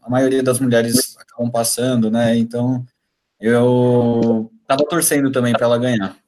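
A Brazilian man with a mid-range voice chats easily in a roundtable. His tone is friendly and unhurried. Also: medium pitch, level tone, a little mellow. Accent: Brazilian Portuguese. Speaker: panelist. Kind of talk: casual roundtable chat.

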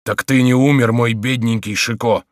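A man's voice: mid-range voice, fairly even intonation, normal speed, no echo, clean studio sound, natural voice. A man voicing a fearful, melancholy king who speaks in a subdued, pleading way in an audiobook. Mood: weary.

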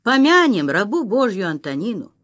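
A woman voicing a gruff, calm old male postal worker in an audiobook reading, talking in a commanding way. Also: mid-range voice, moderate pace.

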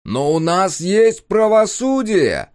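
Loudspeaker announcer, male: high, slow, booming proclamation, heard from afar. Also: very animated, clear, resonant tone, no room sound, studio quality, heavily acted. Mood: proclaiming. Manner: slow, proclaiming each word. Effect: distant loudspeaker announcement. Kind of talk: audiobook narration.

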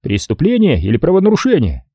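A man's voice: on the high side, wildly swooping pitch, quick pace, warm tone, breathy edge, dry recording, pitched above the performer's own voice, heavily acted. A man putting on a brusque Brooklyn police sergeant. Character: gruff Brooklyn police desk sergeant, impatient, mangling words.

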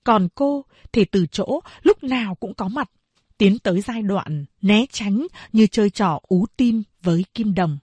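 A woman narrating an audiobook of a novel in a slow, steady storytelling voice. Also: mid-range voice, husky, no room sound.

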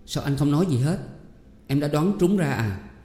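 A man voicing a sharp, jealous young wife, firing pointed, accusing questions. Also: a little high, animated, moderate pace, voice pushed up, close to an everyday voice. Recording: roomy hall echo, faint music.

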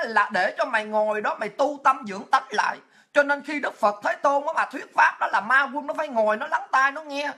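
An online commentator with a Southern Vietnamese accent delivers an angry, profane political rant as a monologue. Her voice sits high with a sharp tone.

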